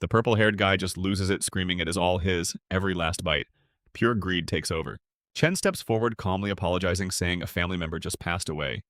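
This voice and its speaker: A man narrating a comic story recap in a brisk, dramatic way with sarcastic asides. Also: low-pitched, fairly bright tone, no echo.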